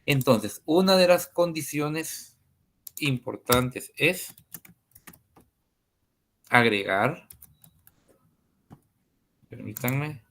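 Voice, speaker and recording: Man, online tutor, slow, hesitant, mid pitch. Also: a bit bright, slight background noise. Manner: slow and hesitant, many fillers. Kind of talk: screen-share coding tutorial.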